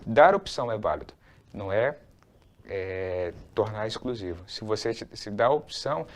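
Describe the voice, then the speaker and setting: A man's voice: lowish voice, expressive, normal speed. Earnest Brazilian man on dubbing. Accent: Brazilian Portuguese. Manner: earnest, explanatory, with restarts. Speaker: dubbing professional. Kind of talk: documentary interview.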